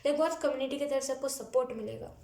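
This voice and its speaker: A woman's voice: high-pitched, fast, mellow, reverberant. A woman giving a casual pick-a-card tarot reading, chatty and full of fillers, often mixing English into her talk. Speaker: tarot reader.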